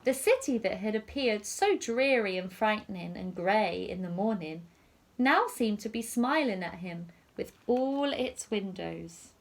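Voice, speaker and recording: Reading aloud to a group of young children, a woman teacher brings a picture story to life with expressive, unhurried narration. She speaks at a medium pitch.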